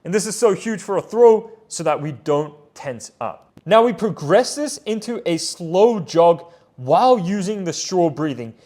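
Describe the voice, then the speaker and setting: A man with a notably high voice talks through training drills as a coaching voice-over. His tone is explanatory, and he often pauses to check in with a quick "right?" or "okay?". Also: animated, darkish tone. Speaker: pitching coach and channel host. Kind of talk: instructional voice-over.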